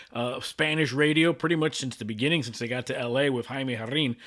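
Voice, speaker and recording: Man, middle-aged, sports host, casual commentary, fillers and restarts, slightly high voice. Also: a bit bright. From Los Angeles. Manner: conversational, many fillers and restarts.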